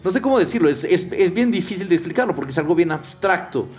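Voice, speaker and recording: A man's voice: high voice, expressive, fast, a little mellow. A man from Guatemala, hosting a casual chat, explaining at length and often adding "o sea" and "¿me entiendes?".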